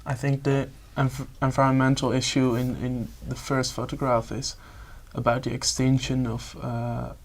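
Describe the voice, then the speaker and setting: A man's voice: mid-range voice, flat delivery, moderate pace, hardly any pauses. A young man, an exam candidate talking hesitantly and searching for words. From Netherlands. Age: young adult. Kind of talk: spoken exam discussion.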